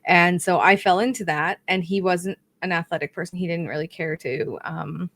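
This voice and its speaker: A woman's voice: lowish voice, steady tone, moderate pace, fairly bright tone. A young woman co-hosting a podcast, chatting casually in a rambling, self-correcting way. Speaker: podcast co-host. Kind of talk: casual chat.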